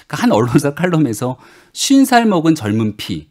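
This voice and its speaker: Brisk, animated man in his forties. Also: on the high side. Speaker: political panelist. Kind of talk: radio panel discussion. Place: radio studio.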